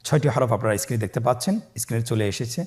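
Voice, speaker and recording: A man's voice: mid-range voice, rapid-fire, darkish tone. A man with a Bangladeshi Bengali accent teaching beginners Quran recitation, patiently drilling and drawing out each letter.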